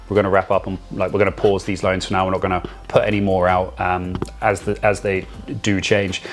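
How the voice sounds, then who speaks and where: A man co-hosting a real estate podcast, talking in a casual, rambling way with many restarts and the odd joke. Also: sits low. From Vancouver area. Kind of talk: casual chat.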